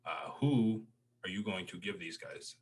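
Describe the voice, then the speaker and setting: Deep-voiced man chatting football. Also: unhurried, breathy edge. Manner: chatty, leans on "you know" fillers. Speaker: co-host. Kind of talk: casual sports podcast chat.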